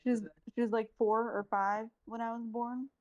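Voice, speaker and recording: A young woman chats as a guest on a livestream in a slightly high voice. She rambles loosely, giggles often, and keeps things casual. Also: little pitch movement, normal speed, highs cut off. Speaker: stream guest.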